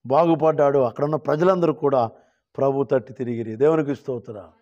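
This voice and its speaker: A male pastor preaching a sermon, reading scripture slowly and calling on the church to shout hallelujah. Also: mid-range voice, steady tone, muffled recording. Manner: calls for loud hallelujahs, rising to shouts; drawn-out quoting of scripture verses.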